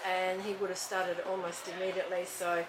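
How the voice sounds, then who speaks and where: Mother, brief factual answers, clear background noise. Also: on the low side, monotone, fairly quick. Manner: matter-of-fact, brief answers. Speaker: interviewee's mother.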